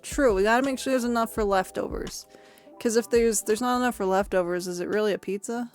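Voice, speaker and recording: A woman's voice: mid-range voice, brisk, faint music behind. A young woman streamer chatting casually with her viewers, giggly and rambling, often repeating herself.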